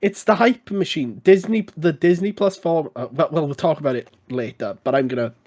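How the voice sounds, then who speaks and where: A young man co-hosting a casual podcast, excitable and quick to rant. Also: on the high side. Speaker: podcast co-host.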